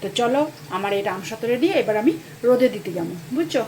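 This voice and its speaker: A woman's voice: a little high, lively intonation, fast talker, a little hiss or hum. A woman with an East Bengali Bangal accent chatting homely to viewers while cooking in her home kitchen. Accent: Bangal East Bengali dialect. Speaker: cooking vlogger. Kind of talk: casual cooking demonstration. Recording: loud kitchen clatter of pots and stirring.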